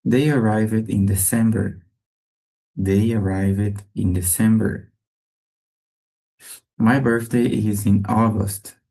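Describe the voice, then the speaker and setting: Male English teacher, reading each sentence twice, deep voice. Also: steady tone, warm tone, rough recording. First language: Portuguese. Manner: reads each sentence twice, slowly and clearly. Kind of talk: slow repetition drill for beginners.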